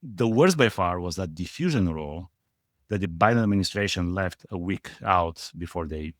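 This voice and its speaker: A man's voice: low-pitched, animated, moderate pace, no echo, studio quality. A middle-aged man from Bulgaria with a Bulgarian accent, speaking as a guest in a conversational interview, emphatic and repeating words for stress. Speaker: portfolio manager guest.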